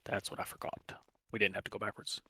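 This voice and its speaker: A man's voice: fairly low pitch, completely flat delivery, fast, sharp tone, slightly rough. A man guiding his group casually over online game voice chat, with faint noise behind him.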